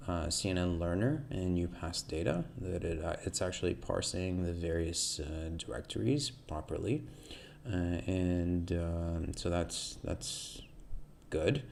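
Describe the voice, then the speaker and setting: A man's voice: deep voice, measured pace, vocal fry, a little mellow, slight background noise. A man hosting a coding tutorial, hesitantly thinking aloud through source code with many fillers. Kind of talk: screen-recorded coding walkthrough.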